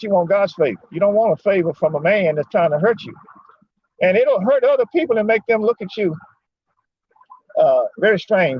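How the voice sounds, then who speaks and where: A high-pitched man gives an informal religious talk packed with personal stories, speaking in a folksy, conversational manner and repeating phrases for emphasis. He's parked in a lot and talking remotely. The audio is dull and lo-fi, with no room sound.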